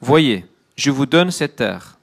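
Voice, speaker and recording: A man interpreting a sermon line by line and reading scripture, quick and fluent. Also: medium pitch, animated, creaky. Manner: quick, fluent rendering with brief fillers.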